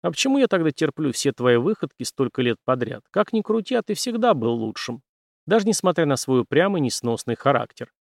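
A man doing a gruff aging general. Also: fairly high pitch, very animated, fairly quick, no echo, clean studio sound, pitched above the performer's own voice. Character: gruff aging male general, weary but fond.

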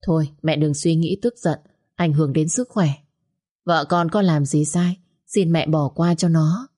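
A mild young husband who speaks slowly and soothingly, trying to make peace, read by a woman narrator. Her voice is low and mellow. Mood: placating. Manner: slow, placating. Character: gentle young husband caught in the middle.

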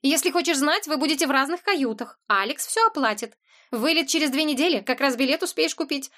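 Woman doing a pushy sarcastic friend, rattles on fast, high voice. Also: lively intonation, fairly bright tone. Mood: insistent. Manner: pushy, rapid-fire, sarcastic. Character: brash, pushy woman friend, quick talker.

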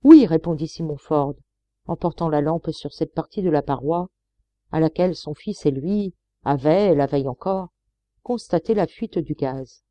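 A woman reads a classic adventure novel aloud in steady, measured storytelling. Her voice is mellow and warm, never sharp. The recording is close and dry. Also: sits low, no echo. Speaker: audiobook reader. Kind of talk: scripted audiobook narration.

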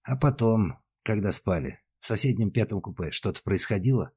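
A man voicing a matter-of-fact male investigator who questions witnesses in a brisk, businesslike way, in an audiobook. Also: fairly low pitch, animated, warm tone, husky, voice pushed up, heavily acted.

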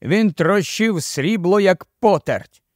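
A man's voice: high-pitched, lively intonation, slow pace, no echo. A man narrating an audiobook expressively on a close studio mic. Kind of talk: scripted narration.

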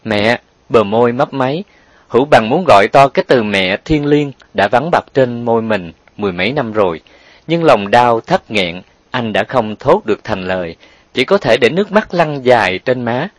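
A man narrating an audiobook in an even, sentimental storytelling way. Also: mid-range voice, normal speed, no echo.

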